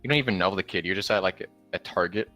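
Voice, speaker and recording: A man's voice: deep voice, very fast, sharp tone, faint music behind. A young man co-hosting a podcast, riffing in casual comedic banter and slipping into put-on voices for bits. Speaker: podcast co-host.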